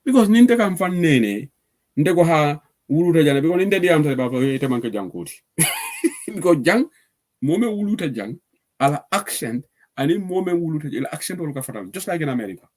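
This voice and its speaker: A man's voice: fairly high pitch, a little fast. A man from Gambia hosting an online current affairs show, talking casually and laughing often. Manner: animated, laughs often, switches between English and Mandinka. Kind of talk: casual talk show monologue.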